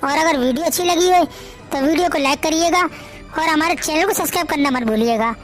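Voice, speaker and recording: Woman host signing off a story video, high voice, faint music behind. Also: fairly quick. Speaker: channel host. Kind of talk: outro addressing viewers.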